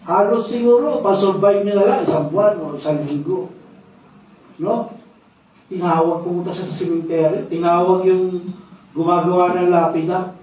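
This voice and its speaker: A man's voice: high voice, fairly even intonation, normal speed, long pauses, dark tone. A man preaching a sermon as pastor, telling stories, repeating key phrases and ending phrases with a questioning "no?". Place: church sanctuary, indoors. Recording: very echoey hall, distant dull mic.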